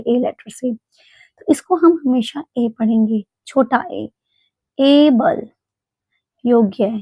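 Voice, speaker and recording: A woman teaching English pronunciation in a spoken English lesson, explaining slowly and repeating example words. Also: sits high, warm tone, slightly rough, dry recording. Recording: dull, dry, lo-fi home recording.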